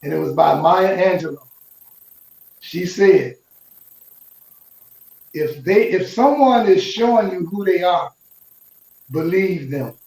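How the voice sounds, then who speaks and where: A man's voice: high voice, expressive, takes it slowly, vocal fry, pauses often, darkish tone. A man in his sixties, a guest minister and musician, talking in a playful, preacherly way. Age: 60s. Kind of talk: casual interview chat. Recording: echoey, distant from mic.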